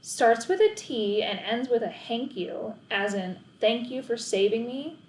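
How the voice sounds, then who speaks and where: A woman's voice: fairly high pitch, expressive, a little slow. A woman voicing a smug, teasing girl rival in a read-aloud story, with a sing-song lilt. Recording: roomy, faint hiss.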